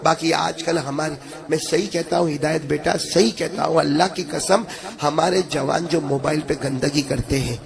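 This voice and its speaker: A man's voice: a little high, fairly even intonation, moderate pace, gravelly, crowd noise. A man preaching a religious sermon to a gathering, impassioned and rising into a chanted sing-song, his voice a bit strained. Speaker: Islamic preacher. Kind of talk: Urdu-Hindi religious sermon.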